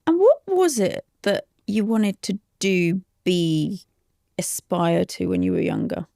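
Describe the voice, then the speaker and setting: Gravelly-voiced woman podcast host. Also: lowish voice, no echo, clean studio sound. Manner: lively, quick to laugh, prompting questions. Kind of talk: conversational interview.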